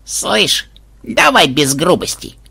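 A man voicing a brash, bossy old grandmother with a gravelly, husky voice. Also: on the high side, very animated, slow pace, sharp tone, voice pushed up, full character voice. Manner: rough, bossy, mocking. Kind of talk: audiobook character voice.

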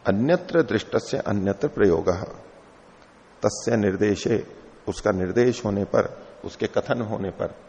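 A man's voice: on the low side, measured pace, a little mellow. A middle-aged man teaching a classical text, explaining each term patiently and going over it again. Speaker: teacher of philosophy. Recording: lo-fi hall recording with long reverb.

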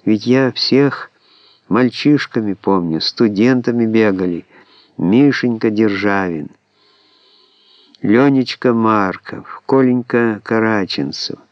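A man calmly reading an audiobook in a measured, scripted narration. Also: lowish voice, no room sound. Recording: dull, dry lo-fi MP3 audiobook recording.

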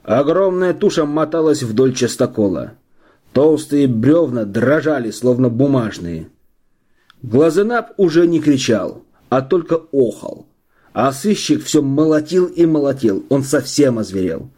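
A male audiobook narrator tells the story in a steady, measured way. His voice is mellow and dark, with a husky edge. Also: mid-range voice. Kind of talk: scripted narration.

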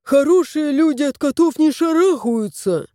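A woman's voice: high voice, animated, moderate pace, warm tone, no room sound, studio quality, voice pushed up. Woman doing a proud, huffy male house cat. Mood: aggrieved. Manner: complaining, theatrical.

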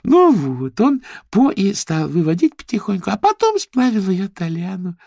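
Guy playing a gossipy young girl, high squeaky voice, teasing, gravelly edge. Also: huge pitch swings, darkish tone, no echo, clean studio sound, heavily acted. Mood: gossiping. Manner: mocking, gleeful, fast-talking. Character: catty gossiping young woman friend. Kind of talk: audiobook character voice.

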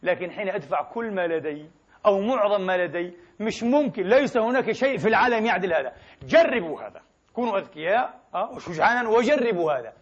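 A high-voiced man, delivering a lively religious lecture. He moves between formal phrasing and everyday colloquial speech, and his words come quickly. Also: breathy edge, lo-fi sound. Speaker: preacher.

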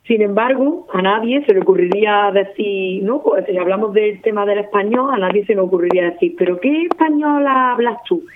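A guest who runs a language-teaching project, this woman speaks with an Andalusian accent and argues her point on casual radio by repeating examples. Her medium-pitched delivery is brisk with few pauses, and the narrow, phone-like sound carries a little hiss or hum.

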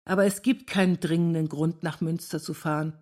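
A woman's voice: low-pitched, steady tone, a little fast, warm tone. A woman reading aloud, voicing a melancholy male scholar with a bitter, gloomy manner. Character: melancholy man, scholar and librarian.

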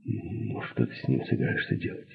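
A male narrator whispers a frightened young woman who hurries and pleads with her partner, breathy and insistent. The voice stays deep and husky, and the sound is thin, like a phone line. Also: big pitch swings, moderate pace, faint music behind, full character voice. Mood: urgent whisper.

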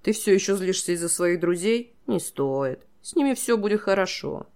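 A woman's voice: medium pitch, animated, normal speed, darkish tone, lightly acted. A woman playing a drawling, theatrical mad king. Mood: mocking. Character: theatrical, unhinged male king, mocking.

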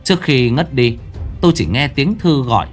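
A man's voice: mid-range voice, animated, normal speed, soft background music. A man narrating a ghost story aloud in a dramatic storytelling manner.

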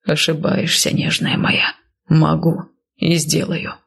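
A woman voicing a weary, possessive man who gives commands, in a low husky whisper, as whispered role-play. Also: monotone, slow pace, heavily acted. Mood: tender, possessive.

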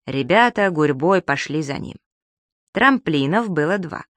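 A woman reading a children's audiobook in an even storytelling manner. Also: low voice, unhurried, no echo. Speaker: narrator. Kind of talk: audiobook narration.

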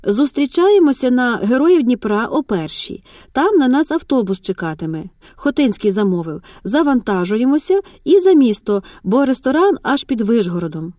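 A woman's voice: on the high side, moderate pace, no room sound, studio quality. A woman reading as a chatty cheerful coworker. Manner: lively, teasing.

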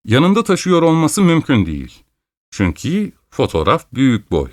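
A man's voice: mid-range voice, wildly swooping pitch, normal speed, no echo, studio quality, voice pushed up. A man voicing a shrewd male detective who reasons aloud confidently in an audiobook. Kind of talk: audiobook character voice.

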